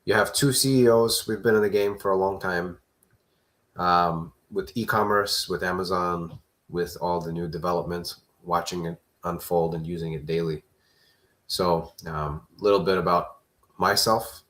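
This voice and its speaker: A man hosting a live question-and-answer stream, talking in a relaxed, conversational way. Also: sits low, normal speed. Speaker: host.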